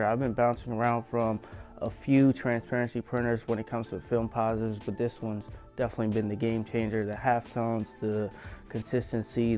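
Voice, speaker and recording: A young man gives a casual walkthrough of his home basement screen-printing shop, explaining each room in a relaxed way on a lapel mic. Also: mid-range voice. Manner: relaxed, explanatory, leans on fillers like "game changer". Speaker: small business owner giving a shop tour.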